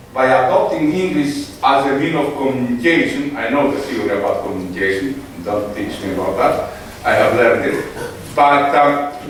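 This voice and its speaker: A man giving joking, digressive opening remarks as conference organizer in a hall. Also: a little high. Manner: joking, digressive, non-native English. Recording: echoey hall from far off, noise.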